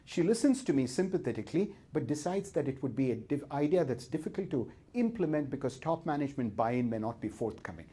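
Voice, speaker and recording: A man giving a humorous seminar talk, telling stories in a lively way and acting out voices. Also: a little high, brisk, hardly any pauses, breathy edge. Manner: lively storytelling with acted-out voices. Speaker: speaker.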